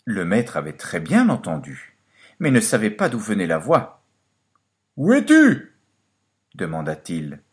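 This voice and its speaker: A man narrating a fairy tale in a scripted, expressive storytelling manner. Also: low voice, moderate pace. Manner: expressive storytelling, lively and dramatic.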